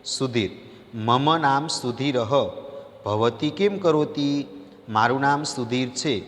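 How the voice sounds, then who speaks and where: A man's voice: medium pitch, slow, fairly bright tone. A man reading as a male teacher in a dialogue. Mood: plain reading. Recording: long hall reverb.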